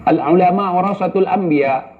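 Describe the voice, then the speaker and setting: A man's voice: sits high, moderate pace, a little hiss or hum. Blunt man, tinny audio. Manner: blunt, scolding, rhetorical questions. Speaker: online speaker answering viewer questions. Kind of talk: casual spoken commentary.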